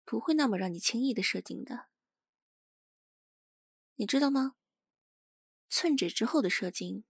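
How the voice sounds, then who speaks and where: A woman voicing a teasing, contemptuous, dominant young woman in an adult ASMR role-play, breathy and husky, murmuring right into the listener's ear. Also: medium pitch, dry recording, studio quality, heavily acted. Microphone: very close, dry microphone.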